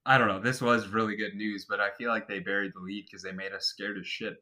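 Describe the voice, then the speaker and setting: A man's voice: on the low side, fairly even intonation, fast talker, sharp tone. A man co-hosting a casual gaming podcast, laid-back and loose, swearing casually and using lots of fillers. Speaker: podcast co-host. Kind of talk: casual chat.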